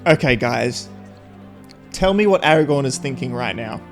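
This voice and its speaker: A man's voice: mid-range voice, expressive, moderate pace, soft background music. A man hosting a film reaction, chatting casually, laughing often and talking back to the screen. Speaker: reaction video host.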